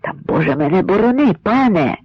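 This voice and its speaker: A man's voice: a little high, lively intonation, a little slow, gravelly, slightly rough, dry recording, heavily acted. A man voicing a trembling, pleading old villager. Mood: secretive. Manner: pleading, trembling, secretive whisper. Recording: dry, slightly muffled lo-fi recording.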